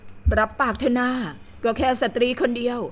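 A woman's voice: sits high, a little fast, fairly bright tone. Frank, breezy young heroine, read by a woman. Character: bold quick-witted young heroine.

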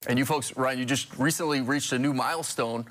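Quick-talking male morning news anchor. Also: medium pitch, fairly even intonation, a bit bright. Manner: quick, conversational, with restarts. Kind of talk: live studio interview. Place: TV news studio.

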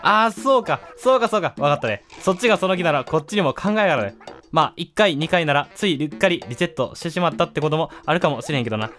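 A man acting out a short-tempered cartoon mole who scolds the player in a broad Kansai dialect. The gruff lecturing sits a little high and leaps around in pitch. Faint game music plays underneath. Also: animated, fast, a bit bright. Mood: scolding. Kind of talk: reading game dialogue aloud in character.

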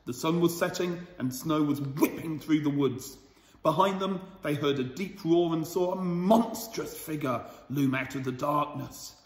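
Storyteller, gentle and chatty with children; somewhat high voice; roomy sound with a long reverb. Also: male voice, unhurried. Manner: gentle, chatty, asks the listeners questions. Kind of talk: reading a picture book aloud to children.

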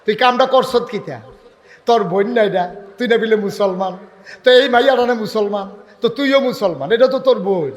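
A fiery male preacher delivers an Islamic sermon. His voice sits high for a man, and he shouts out repeated rhetorical questions to his listeners. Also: moderate pace, highs cut off.

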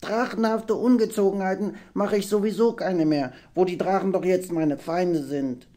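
A man voicing a small, frightened male half-dragon, squeaky and pleading, in an audiobook reading. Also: steady tone, moderate pace, mellow, close to an everyday voice. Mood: earnest promising. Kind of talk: audiobook character voice.

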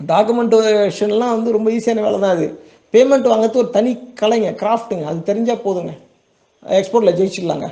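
An export business owner from Tamil Nadu, India, gives an informal tutorial in a reassuring, plain-spoken way, often checking in with his listeners. He has a Tamil Nadu accent and a high-pitched, gravelly, warm voice, and the sound is lo-fi.

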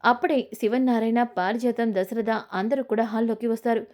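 Woman narrator, slightly high, mellow voice, dramatic story recap with acted character lines. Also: fairly even intonation, brisk. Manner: voices every character's lines herself, raising her voice for shouts.

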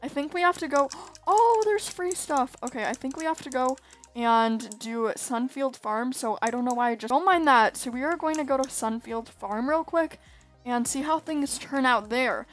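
Woman, high voice, gaming commentary, chatty, exasperated exclamations, desk mic. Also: lively intonation, normal speed, soft background music. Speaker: gaming YouTuber. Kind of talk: casual gameplay commentary.

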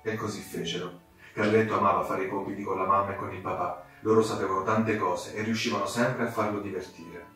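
A man narrating a fairy tale for children with expressive, dramatic delivery. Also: sits low, a little fast. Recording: very echoey room, distant mic, soft music.

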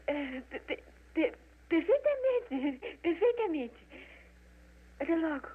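An actress dubbing an anxious, suspicious baroness in an old film, stammering and hesitant. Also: female voice, extremely high pitch, very animated, slow pace, heavily acted. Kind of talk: 1940s Brazilian Portuguese film dub. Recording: tinny old film dub with hiss.

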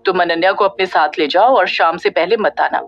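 A woman's voice: on the low side, fairly quick, close to an everyday voice. A woman narrator voicing Dhruv, a playful young man who explains his plans in a teasing, easy way. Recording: dull lo-fi audio with faint music.

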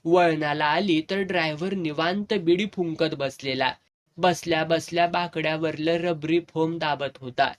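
A man's voice: fairly high pitch, measured pace. Male narrator reading a village novel. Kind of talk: scripted narration of a serialized novel.

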